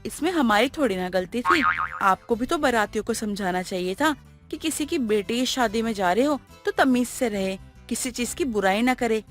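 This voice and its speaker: A gentle young daughter-in-law speaks softly and patiently, voiced by a woman. Her voice sits high, with a faint music bed under it in this animated story. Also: natural voice. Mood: gentle, calm. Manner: soft, slow, gentle. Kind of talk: animated moral story dialogue.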